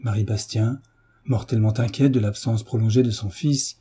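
Narrateur à la voix sombre et voilée. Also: male voice, lowish voice, fairly even intonation, normal speed, dark tone, husky. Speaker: audiobook narrator. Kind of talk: literary reading.

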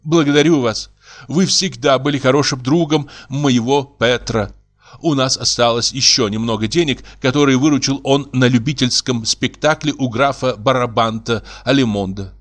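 A man's voice: medium pitch, normal speed, fairly bright tone, close to an everyday voice. A man voicing an anxious young actor's wife who pleads fretfully in an audiobook reading. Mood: pleading.

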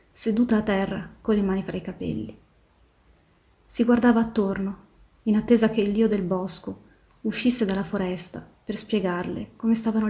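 Mellow-voiced woman reading a novel aloud. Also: medium pitch. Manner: measured, steady reading that slows on tense passages. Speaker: volunteer reader in a reading marathon. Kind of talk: literary read-aloud narration.

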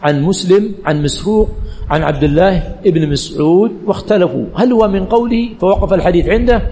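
Guy teaching a religion class, high quick voice, asks questions then answers them, long echo in the hall. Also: mellow, slight background noise. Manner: repeats key phrases for emphasis. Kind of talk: classroom lecture.

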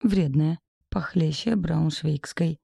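A woman's voice: sits low, slow pace, creaky, warm tone, breathy edge, no echo, clean studio sound, full character voice. A woman reading the part of a scornful, mocking woman friend in an audiobook. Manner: snorting, scornful.

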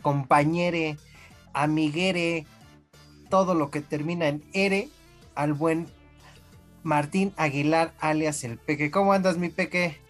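A man's voice: a little high, fairly even intonation, slow pace, faint music behind. A man with a Mexican accent hosting a radio show with casual, joking, slangy banter. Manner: joking, informal.

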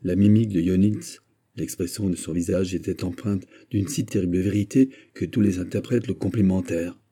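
A man with a husky voice narrating an audiobook in a measured, literary way. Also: sits low, warm tone. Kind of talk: audiobook reading.

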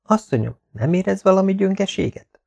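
A man voicing a blunt, knowing female servant who talks in a brisk, matter-of-fact way. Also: high voice, lively intonation, creaky, warm tone, voice pushed up, heavily acted.

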